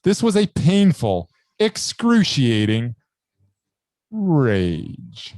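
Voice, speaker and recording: A man's voice: mid-range voice, wildly swooping pitch, very slow, darkish tone, no room sound, clean studio sound. A man co-hosting a film podcast, complaining in a dramatic, exaggerated way. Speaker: podcast co-host. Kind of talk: casual film review chat. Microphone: studio mic.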